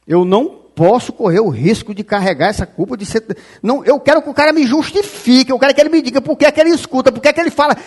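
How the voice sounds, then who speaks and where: A pastor preaching a fiery sermon, shouting and scolding the congregation, often calling them "rapaz". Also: male voice, extremely high pitch, quick pace, slightly rough. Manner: quotes scripture aloud.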